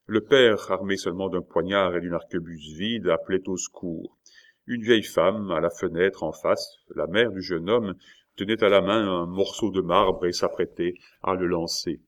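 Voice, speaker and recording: Brief: male audiobook narrator, very low voice, measured and dramatic. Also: fairly even intonation.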